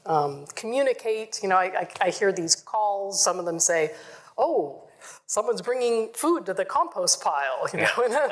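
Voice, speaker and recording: A woman in casual, thoughtful conversation, hesitant and peppering her talk with small asides. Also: on the low side. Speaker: panelist.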